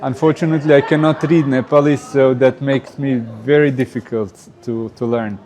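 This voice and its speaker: The speaker is a man from Croatia giving casual answers as an interview guest in English with a Croatian accent. He hesitates, uses lots of "uh" fillers, and phrases things in a non-native way, with a medium-pitched, darkish voice, fairly even intonation, and a moderate pace.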